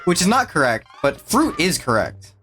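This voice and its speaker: A man's voice: fairly high pitch, wildly swooping pitch, moderate pace, a bit bright, faint music behind. A man co-streaming a video game in casual chat, laid-back and answering with short dry quips.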